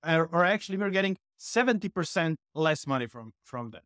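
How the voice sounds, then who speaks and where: A man's voice: on the high side, lively intonation, fairly quick, fairly bright tone, dry recording, studio quality. A man from Serbia, a guest explaining at length with frequent fillers. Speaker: guest YouTuber.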